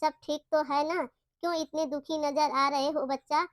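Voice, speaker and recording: Woman reading kind old holy man, high flat voice, gentle, dry sound. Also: moderate pace, no room sound, lightly acted. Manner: gentle, blessing tone. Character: old kindly male wandering holy man.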